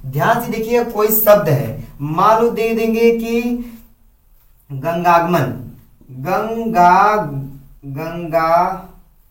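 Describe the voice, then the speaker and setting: A man's voice: high-pitched, expressive, slow. A man teaching a grammar lesson in a classroom style. He repeats each point and keeps asking his students questions, then answers them himself. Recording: echoey room, voice from a distance.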